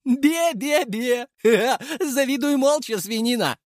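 A man voicing a loud, boastful young show-off who brags and taunts in a squeaky voice. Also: big pitch swings, moderate pace, no room sound, clean studio sound, exaggerated voice. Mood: taunting.

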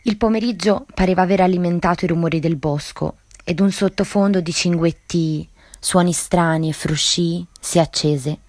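A woman on a radio literature show reading a story aloud in a measured, dramatic way. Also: fairly low pitch, a little mellow, no echo, clean studio sound.

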